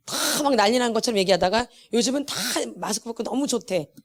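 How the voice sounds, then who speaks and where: A middle-aged woman teaching a church healing class, with an animated, emphatic delivery that repeats words for stress and laughs between lines. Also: a little high, fast talker. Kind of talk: church lecture.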